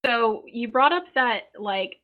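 A woman co-hosting a podcast in casual chat, talking fast and loose with frequent laughs and trailing sentences. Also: a little high, expressive, highs cut off. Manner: chatty, laughs often, trails off. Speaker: podcast co-host.

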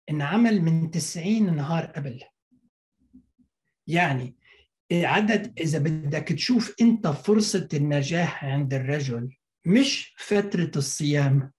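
Lebanese-accented man explaining, often halting. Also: fairly high pitch, darkish tone. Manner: halting, repeats and restarts words. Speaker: fertility doctor, interview guest. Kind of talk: informal expert explanation in an interview.

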